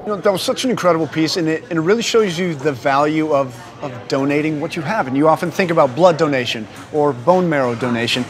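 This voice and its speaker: Fast-talking man host. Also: fairly high pitch, crowd noise. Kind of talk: studio discussion.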